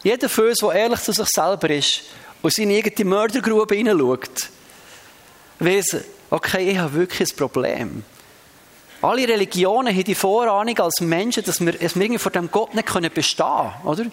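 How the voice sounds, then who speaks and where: A man's voice: sits high, expressive, moderate pace. A man preaching a sermon, reading scripture aloud with shifting emphasis and talking to the congregation in a conversational way.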